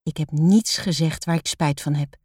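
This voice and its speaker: A woman's voice: low voice, moderate pace, darkish tone, slightly rough, no echo, clean studio sound. A woman voicing a young schoolgirl in a storybook, timid but brave, speaking earnestly with a trembling voice.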